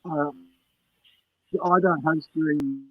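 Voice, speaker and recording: A man joining a live stream over a bad call connection that breaks up and sounds quiet, talking in a hesitant, halting way with fillers. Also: a little high, steady tone, no echo. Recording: dull, lo-fi remote call audio.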